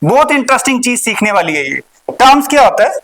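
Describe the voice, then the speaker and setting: A woman teaching a maths lesson. She asks questions, answers them herself, repeats key words and slows down on the important terms. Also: a little high, big pitch swings, fairly bright tone, low-quality recording. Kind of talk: recorded classroom lesson.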